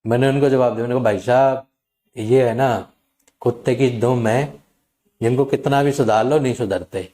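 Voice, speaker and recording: A man hosting his channel, talking casually and animatedly to viewers and acting out callers' lines in quick quotes. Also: medium pitch, steady tone, warm tone. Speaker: channel host advising viewers on loan recovery calls. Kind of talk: casual talk to camera.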